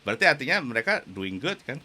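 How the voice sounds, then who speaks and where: A man's voice: medium pitch, sing-song, rapid-fire, pushed and bright. A man, chatting casually as a podcast guest, laughing often and filling his talk with "you know.". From Indonesia. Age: 30s. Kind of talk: casual conversation mixing English and Indonesian.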